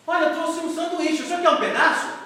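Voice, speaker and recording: A man's voice: very high voice, fast talker, pushed and bright, pitched above the performer's own voice, heavily acted. A man doing an eager little boy in an echoey church. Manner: pleading, earnest questions. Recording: echoey church hall, mic far off.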